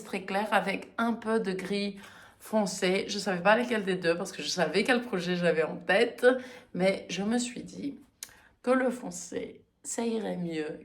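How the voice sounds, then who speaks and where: A woman hosting her knitting podcast in a casual, chatty way, often pausing with hesitant fillers. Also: medium pitch. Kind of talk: casual chat.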